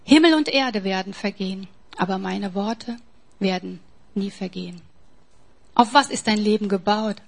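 Preaching emphatically, this woman alternates between hushed, near-whispered moments and loud, powerful lines. She has a mid-range voice with vocal fry and keeps a moderate pace.

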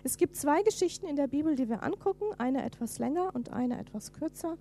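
Female preacher, high-pitched, dramatic scripture reading with whispered asides. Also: a little fast, faint music behind. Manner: animated, reads scripture dramatically, drops to whispers. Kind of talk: sermon.

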